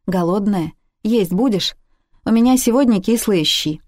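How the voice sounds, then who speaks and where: A woman's voice: mid-range voice, a little slow, darkish tone, dry recording, studio quality, pitched above the performer's own voice, close to an everyday voice. A woman reading the part of an aging, worried mother who speaks curtly and reproachfully in a story. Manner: curt and reproachful, then sobbing laments.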